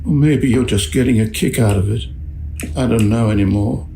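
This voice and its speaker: A man's voice: on the low side, normal speed, vocal fry, dark tone, a little hiss or hum, low-quality recording. A man playing an earnest, needy video game narrator who pleads theatrically for happiness. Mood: hurt, resigned. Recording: music behind the voice.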